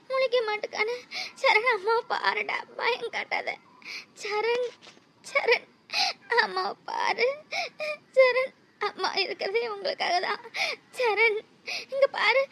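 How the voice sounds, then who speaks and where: A woman's voice: high voice, slight background noise, heavily acted. A woman voicing a young cartoon mother caring for her two sick small children, coaxing tenderly and pleading in tears. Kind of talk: cartoon voice acting.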